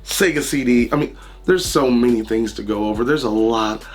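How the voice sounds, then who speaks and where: A man in his thirties with a raspy, slightly hoarse voice, casually reviewing a product to camera and repeating phrases for emphasis. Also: mid-range voice, normal speed. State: under the weather, slightly hoarse. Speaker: YouTube reviewer and host. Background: music.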